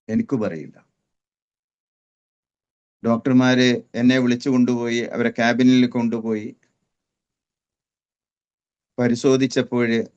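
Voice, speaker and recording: Man from kerala telling his faith testimony, smooth resonant voice, gets fervent and prayerful. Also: medium pitch, darkish tone, highs cut off. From Kerala, India. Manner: impassioned, rising to fervent prayer. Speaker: testimony speaker. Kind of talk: religious testimony.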